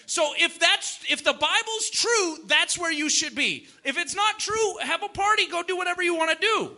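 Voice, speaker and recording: A man's voice: very high voice, moderate pace, bright, forceful tone. A man preaching a sermon in a conversational way, full of emphatic rhetorical questions and repeated phrases.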